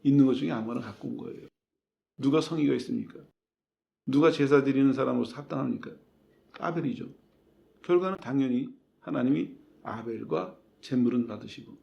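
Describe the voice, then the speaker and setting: A male pastor delivers a sermon with a gravelly, creaky voice. He explains scripture in plain terms and keeps asking the congregation rhetorical questions. The recording sounds dull and lo-fi. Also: medium pitch, brisk, pauses often, dark tone.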